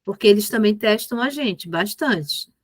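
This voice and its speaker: A woman's voice: mid-range voice, no echo. A woman, a mentor patiently explaining behavior management with examples. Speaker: ABA mentor.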